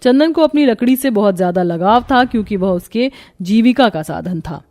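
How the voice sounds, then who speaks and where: A woman's voice: medium pitch, lively intonation, moderate pace, dark tone, no room sound. Woman storyteller, scripted narration, sympathetic tone, dry close mic.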